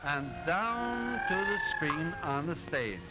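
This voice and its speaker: In an early talkie cartoon, a man plays a professor who narrates and explains sound film, his voice fairly high-pitched and very animated. He is patient and instructive, speaking in a deliberate, didactic way with clear enunciation. The recording is a dull, very noisy 1920s optical film soundtrack with music behind him.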